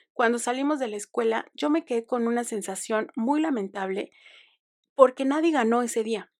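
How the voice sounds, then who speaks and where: A young Mexican woman hosting a podcast, telling a story in a chatty, digressive way with ironic asides. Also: on the high side. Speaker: podcast host. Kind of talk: casual monologue.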